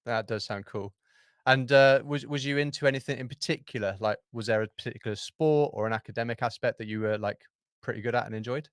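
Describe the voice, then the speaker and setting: Man, podcast host, mid-pitched voice, dry close sound, friendly questions. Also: fairly quick, clean tone, dry recording. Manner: friendly, easygoing questions with fillers. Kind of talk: interviewing.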